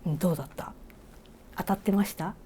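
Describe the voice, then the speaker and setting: A woman's voice: fairly low pitch, brisk, breathy edge. Chatty woman teacher with a Kansai lilt. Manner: chatty, asks the listener questions, drops into soft whispered asides. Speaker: reiki teacher. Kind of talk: casual spoken lesson to viewers.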